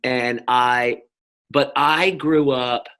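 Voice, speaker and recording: A man's voice: medium pitch, fairly even intonation, extremely slow, bright, forceful tone, clean tone. A middle-aged man from North Carolina, talking as an interview guest in a rambling, casual way, with many fillers and restarts. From North Carolina, US South. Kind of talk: casual conversation.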